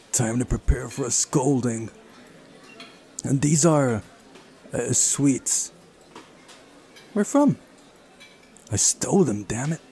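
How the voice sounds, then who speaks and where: With a medium-pitched, somewhat dark voice, this man reads aloud from a visual novel during a playthrough. He adds wry comments in a casual tone, and faint music sits in the background.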